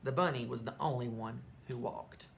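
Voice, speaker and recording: A teacher reading a children's chapter book aloud at an elementary school, expressive and animated. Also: medium pitch, normal speed, gravelly.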